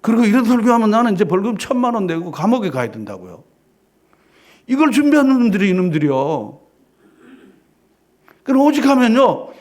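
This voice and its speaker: A man preaching a sermon as a pastor in church, firing rhetorical questions and swinging between loud declarations and hushed asides. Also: sits high, very animated, brisk, pauses often.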